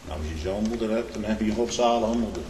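A man preaching a fervent sermon, emphatic and full of rhetorical asides, swinging between hushed and loud. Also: lowish voice, fast. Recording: echoey hall with faint background noise.

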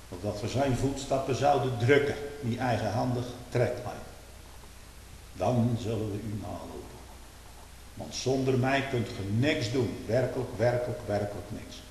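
Preacher guy, fiery sermon, big booming church echo, bit of hiss. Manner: swings from hushed to shouting, drawn-out emphasis. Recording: echoey hall with faint hiss.

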